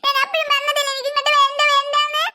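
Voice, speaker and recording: Give me a squeaky, pleading cartoon little girl. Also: monotone, racing, pushed and bright, full character voice. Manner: pleading, repeats "mummy". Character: little girl, whiny and desperate. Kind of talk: cartoon voice acting.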